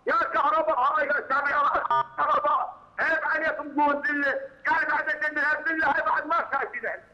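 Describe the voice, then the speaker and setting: A furious man with a southern Iraqi accent calls in to a talk show, his voice pitched very high and piercingly bright. He rants fast, repeating phrases and tripping over words. The call sounds muffled and lo-fi, with a long hall-like echo. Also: steady tone. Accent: southern Iraqi Arabic. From Iraq. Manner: heated, repetitive, stumbling over words. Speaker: caller. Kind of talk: angry phone-in rant. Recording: muffled phone line with hall reverb.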